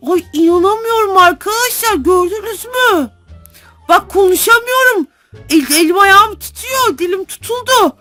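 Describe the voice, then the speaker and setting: A woman with a very high, bright voice gushing over a game as she plays, full of excited exclamations. She talks in an unhurried way and speaks to her viewers like close friends. Faint music plays underneath. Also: no room sound. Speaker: gaming channel host. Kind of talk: casual gameplay commentary.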